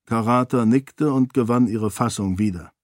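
A man reading an audiobook as narrator, with steady, measured narration. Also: mid-range voice, no room sound, clean studio sound. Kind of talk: scripted narration.

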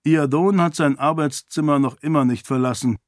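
A man's voice: on the high side, moderate pace, no room sound, studio quality, voice pushed up, natural voice. A man voicing a teasing, jovial young nobleman in an audiobook. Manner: teasing, laughing.

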